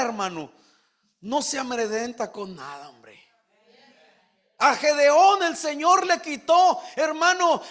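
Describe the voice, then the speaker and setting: A man preaching a sermon as pastor, asking the congregation questions, mimicking church members and rising to shouts. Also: extremely high pitch.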